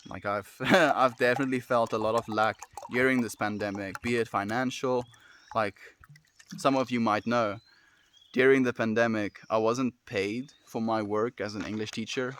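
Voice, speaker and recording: Reading his chat on a casual livestream, a young man with a South African accent responds gently and affectionately. He frequently calls listeners "my friend," and his pitch is fairly low.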